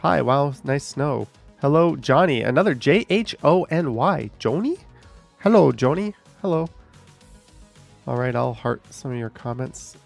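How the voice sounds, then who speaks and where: Reading viewer comments aloud on a casual live stream, a thirty-something man drops dry asides as he goes. He sounds animated yet unhurried, his mid-pitched voice gravelly and edged with fry, over faint background music.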